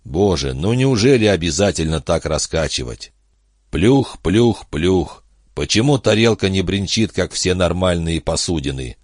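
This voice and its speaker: A bitter, worn-out man sneers at himself in a sardonic inner voice, as a male narrator puts him on. The voice sits very low and is recorded dry and close, with no room sound. Self-mocking and weary, it fits a storybook reading. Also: lively intonation, a little slow, no room sound.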